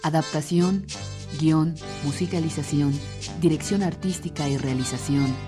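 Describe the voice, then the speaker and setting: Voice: mid-range voice, unhurried. An announcer reading scripted credits for a radio drama in a formal style. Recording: music under the voice.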